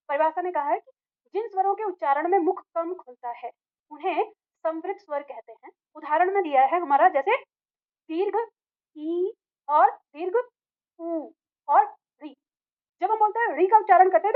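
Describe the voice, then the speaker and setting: A woman teacher explaining a lesson step by step, repeating key points and asking the class questions. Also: very high-pitched. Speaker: Hindi teacher. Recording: tinny, phone-like audio.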